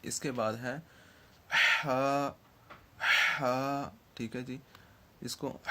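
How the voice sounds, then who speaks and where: A man's voice: mid-range voice, vocal fry. A man teaching Quran letter pronunciation in an online lesson, patiently checking in after each point and drawing out the letter sounds.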